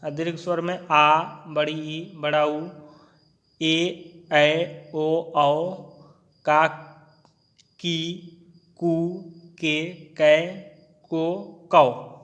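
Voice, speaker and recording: Slow, deliberate man teaching in an echoey room. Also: a little high, fairly bright tone. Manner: slow, deliberate, repeats and spells out examples. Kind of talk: exam prep lecture. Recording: long reverb, echoey room.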